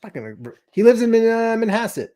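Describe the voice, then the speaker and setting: A man's voice: extremely high pitch, big pitch swings, dark tone. Playful man hosting a family chat. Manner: playful, laughing, quick asides. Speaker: podcast host. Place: home.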